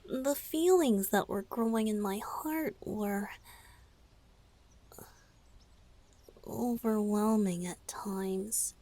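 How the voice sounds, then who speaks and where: In an intimate romantic ASMR roleplay, a woman plays a shy, flustered boyish lover. Her mid-range voice is soft, breathy, and often whispered, with hesitant, halting phrasing and a tender, bashful mood.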